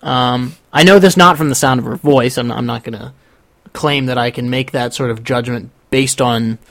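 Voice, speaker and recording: A man's voice: mid-range voice, steady tone, moderate pace, gravelly, a bit bright. A young man telling a story in casual chat, rambling and often breaking off mid-sentence. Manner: rambling, self-interrupting storyteller.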